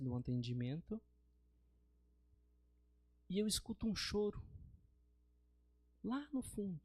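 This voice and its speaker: A man's voice: medium pitch, a little mellow, no echo, studio quality. A man with a Brazilian accent preaching a sermon in church, telling stories and often calling his listeners brothers. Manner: storytelling, addresses listeners as brothers.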